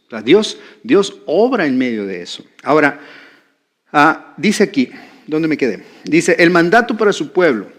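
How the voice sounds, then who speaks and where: A male pastor with a slightly high voice preaches in a conversational way. He keeps asking the congregation questions and checking that they follow along. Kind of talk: sermon.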